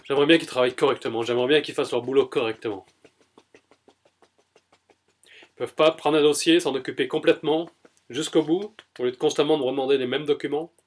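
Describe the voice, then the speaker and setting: A man's voice: on the high side, fast talker, pauses often. Man voicing repeated emphatic statements. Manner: short, repeated first-person statements; emphatic and exasperated. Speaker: EFT practitioner. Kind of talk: EFT tapping self-demonstration.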